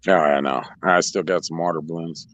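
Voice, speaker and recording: A man's voice: very deep voice, fairly even intonation, fairly quick, fairly bright tone, no echo. A man co-hosting a racetrack show in casual chat, rambling through restarts and laughing often. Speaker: racetrack co-host. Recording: dull lo-fi sound.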